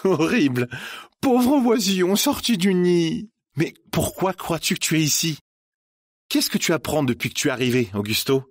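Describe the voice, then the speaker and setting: A man's voice: mid-range voice, moderate pace, breathy edge, no echo, studio quality, voice pushed up, lightly acted. A man doing Stella, a sneering teenage girl. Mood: scornful. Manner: mocking, arrogant. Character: cruel ambitious scheming teenage girl.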